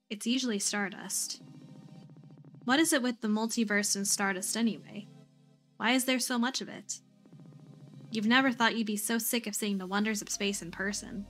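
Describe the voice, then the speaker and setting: A woman streamer calmly narrating a role-playing game out loud. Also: medium pitch.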